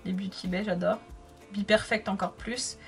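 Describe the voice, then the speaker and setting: A woman's voice: mid-range voice, steady tone, normal speed, creaky, slightly rough, soft background music. A woman in her thirties chatting casually while doing her makeup, reading viewer comments aloud and answering them. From France. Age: 30s. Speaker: makeup vlogger.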